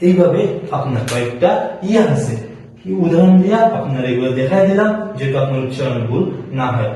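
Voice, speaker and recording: A man's voice: a little high, a little mellow, heavy reverb, recorded from a distance, a little hiss or hum, rough recording. A man teaching spoken English pronunciation. He spells words out letter by letter and answers his own questions. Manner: repeats answers in call-and-response questions. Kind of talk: classroom lesson.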